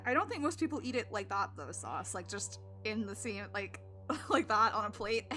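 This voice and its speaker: Bright-voiced woman streamer chatting. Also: medium pitch, lively intonation, normal speed, soft background music. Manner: chatty and rambling, with frequent laughs. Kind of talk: casual live-stream commentary.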